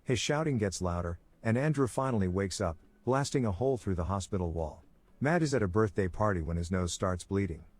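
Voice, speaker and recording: Man, scripted recap narration, steady even delivery, deep-ish voice. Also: brisk.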